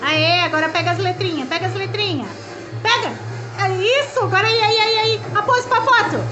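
A Brazilian woman vlogging at home, cheering a child on through a video game and shouting encouragement, her throat sore from yelling. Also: extremely high pitch, brisk, lo-fi sound, over music. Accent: Brazilian Portuguese. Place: home living room.

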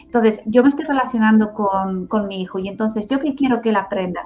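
A woman's voice: mid-range voice, fairly quick, faint music behind. Reflective Spanish woman counselor, lo-fi. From Spain. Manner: reflective, frequent "eh" fillers and "¿no?" tags. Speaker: pedagogue and family counselor. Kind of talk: interview answers. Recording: slightly dull lo-fi audio.

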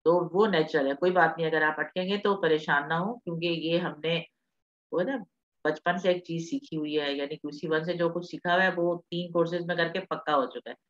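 A woman's voice: low-pitched, fairly even intonation, highs cut off. A woman teaching an online class, patient and reassuring, mixing in English terms.

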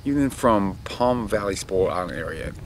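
A man in his forties talks to his camera outdoors on a shell beach by open water. He tells his day in a loose, halting way, restarting his sentences and trailing off. The sound is close and plain, from a camera held near him. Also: lowish voice, expressive, noisy background. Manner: rambling, halting, with frequent restarts and small laughs. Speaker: kayak travel vlogger. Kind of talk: casual outdoor video diary. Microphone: handheld camera or lapel, close framing.

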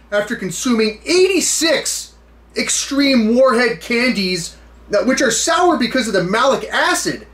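An American man in his thirties hosting a food challenge to camera, talking casually and haltingly with mock-serious bravado. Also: high voice, a bit bright. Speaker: food challenge video host. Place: small indoor room full of memorabilia.

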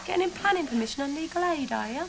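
A woman's voice: sits high, lively intonation, rapid-fire, gravelly, background noise. An actress with a British accent playing a blunt, sarcastic young mother who distrusts officials, in a television drama. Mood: combative, sarcastic. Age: young adult. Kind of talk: naturalistic television drama acting. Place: small offices indoors.

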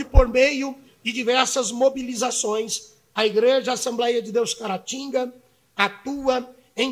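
A man in his thirties with a Minas Gerais Brazilian accent reads a formal speech from a podium microphone in a council chamber. His voice sits very high, and he speaks slowly, in a measured and solemn way. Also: fairly bright tone. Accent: Brazilian Portuguese, Minas Gerais. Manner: measured, solemn, reading from notes. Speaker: church pastor giving a speech. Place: city council chamber, indoors.

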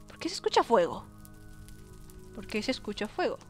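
A woman's voice: medium pitch, moderate pace, faint music behind. A woman giving chatty let's-play commentary to her viewers, prone to sudden shrieks and squeals. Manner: excitable, bursts into shrieks and squeals; chatty, talks to viewers as she plays. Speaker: gaming channel host.

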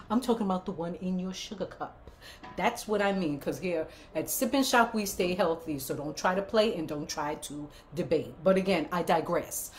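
A woman's voice: fairly low pitch, darkish tone, a little hiss or hum. A woman in her fifties hosting a casual livestream chat, playful and emphatic, cheering viewers on with repeated phrases. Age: 50s. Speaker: livestream show host.

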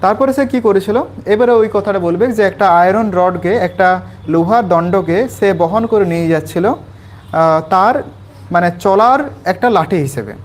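Patient male tutor explaining grammar to a class. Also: high-pitched. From West Bengal, India. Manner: patient, repetitive, checks understanding with quick questions. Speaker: English tutor. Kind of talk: explaining a textbook lesson to students. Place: small class with students present.

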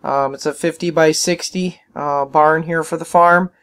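A man casually narrating a video about his farm, plainspoken and relaxed, with frequent fillers. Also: a little high, measured pace, smooth.

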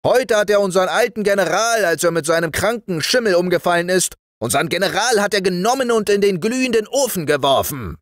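A man's voice: sits high, expressive, brisk, few pauses, no echo, studio quality, pitched above the performer's own voice. A man voicing a rowdy, vengeful crowd of toy soldiers in a storybook reading. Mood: indignant.

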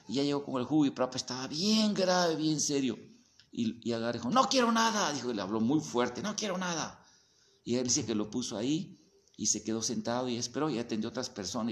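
A man with a Mexican accent giving a lively storytelling talk to devotees, acting out voices and sounds as he goes. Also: mid-range voice, a little hiss or hum. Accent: Mexican Spanish. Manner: animated storyteller, acts out voices and sounds, often asks "¿verdad?". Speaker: spiritual teacher.

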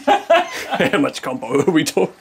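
High-pitched, animated man bantering slowly. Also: creaky, noisy background. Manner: giggly, playful, mock-quoting. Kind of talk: casual joking chat. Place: indoors in a cluttered home dining room. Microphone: handheld camera microphone.

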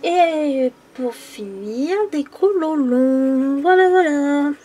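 Slow high-voiced young French woman. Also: expressive, warm tone. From France, Île-de-France. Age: 20s. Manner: hesitant, many fillers and pauses. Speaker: coloring YouTuber. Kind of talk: casual vlog while coloring. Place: indoors at a table.

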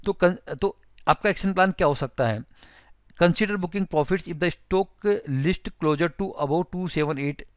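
Brief: Indian man, tutorial host, fairly high smooth voice, dry close mic, chatty step-by-step explainer. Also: slow pace, dry recording. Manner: conversational, explains step by step, addresses viewers as friends. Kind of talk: screen-recorded explainer with annotations.

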